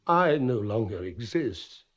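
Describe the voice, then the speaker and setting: A tormented, bitter old-school cavalry captain. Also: male voice, medium pitch, sing-song, slow, dull audio. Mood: despairing. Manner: impassioned, bitter theatrical delivery. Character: anguished middle-aged cavalry captain, tormented and suspicious. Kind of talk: 1950s radio drama acting.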